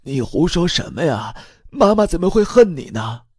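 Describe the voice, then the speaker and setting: Nagging, dismissive mother, played by a male narrator; husky, dry and close. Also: a little high, sing-song, moderate pace, no echo, voice pushed up. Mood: coaxing.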